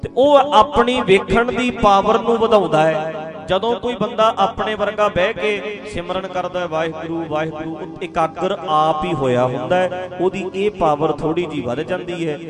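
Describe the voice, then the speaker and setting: A woman's voice: lowish voice, moderate pace. Woman giving a spiritual talk over music. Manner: explanatory, repeats phrases, addresses listeners directly. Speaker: spiritual speaker. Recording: music playing behind the voice.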